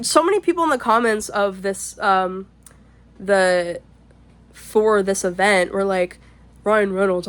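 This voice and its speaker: An excitable woman talks at home in a casual vlog, rambling from one thought to the next and swearing freely. Her voice sits at an ordinary middle pitch. At times she drops to a shaky whisper. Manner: whispering to keep quiet. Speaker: vlogger. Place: home, indoors.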